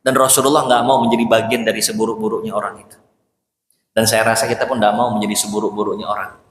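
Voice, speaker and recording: A man's voice: fairly low pitch, little pitch movement, fast talker. A man giving a religious study lecture as a preacher, explaining in a casual conversational way and reciting Arabic quotes. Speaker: Islamic preacher. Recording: echoey hall with long reverb.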